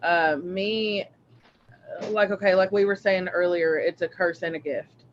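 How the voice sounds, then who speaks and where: A man's voice: sits high, fairly even intonation, measured pace, slight background noise. A man hosting a live spiritual reading stream, rambling casually with many fillers and restarts. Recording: dull lo-fi stream audio.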